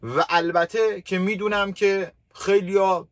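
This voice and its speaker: A male guest who explains his ideas in a measured way and starts with hesitant fillers. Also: high voice, little pitch movement. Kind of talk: explanatory talk.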